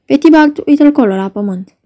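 A woman gives a young man telling of a deadly brawl with pressing urgency. The tone is mellow and sits fairly high. It is a dramatic reading of a play. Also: expressive. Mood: urgent. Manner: urgent, pleading delivery. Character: young male friend, urgent peacemaker.

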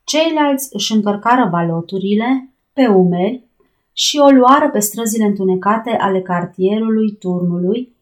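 A woman narrating an adventure audiobook aloud, voicing the dialogue and raising her voice for the shouted lines. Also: medium pitch.

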